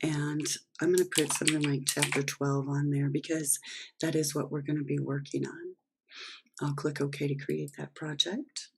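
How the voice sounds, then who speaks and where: Here the hoarse programming instructor, nearly losing their voice, talks through a screen-recorded coding lesson step by step. Delivery is flat and mid-range at a normal speed, with slight background noise.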